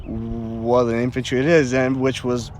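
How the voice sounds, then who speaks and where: A man's voice: medium pitch, level tone, measured pace, darkish tone. Young guy telling war stories, keeps laughing, lots of um and uh, faint traffic hum outside. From Canada. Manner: laughs often, many fillers and restarts, acts out quoted voices. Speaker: Marine veteran guest. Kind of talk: casual storytelling interview.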